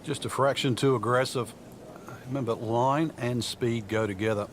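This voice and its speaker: A man's voice: mid-range voice, steady tone, moderate pace, very noisy, close to an everyday voice. A man playing an easygoing golf analyst, giving conversational colour commentary with plenty of ums. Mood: advising, conversational. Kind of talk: conversational golf commentary for a video game broadcast. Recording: music behind voice. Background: music.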